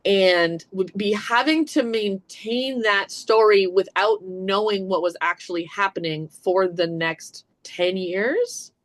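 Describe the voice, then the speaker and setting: A woman's voice: mid-range voice, slow, hardly any pauses. Chatty woman podcaster thinking aloud. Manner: animated, thinks aloud with many "like"s. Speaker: podcast co-host. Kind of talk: casual book-club podcast discussion.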